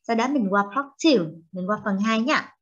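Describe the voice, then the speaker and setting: A young woman with a Vietnamese accent, a native Vietnamese speaker, teaching children English vocabulary in a slow, drawn-out, cheerful way. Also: on the high side, animated. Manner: switches between English and Vietnamese. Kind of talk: bilingual children's vocabulary lesson. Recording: dull lo-fi recording.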